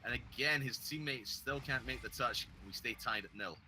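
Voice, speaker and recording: Chatty man with a very bright voice. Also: medium pitch, normal speed, slight background noise, rough recording. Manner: relaxed, chatty, many fillers. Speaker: esports co-caster. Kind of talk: esports color commentary.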